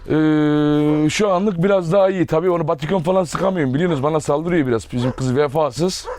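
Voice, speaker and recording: A dog farm owner who vlogs chats casually with his viewers in a fairly high, slightly quick and mellow voice, calling fondly to his dogs outside. The outdoor recording is noisy, with dogs barking throughout.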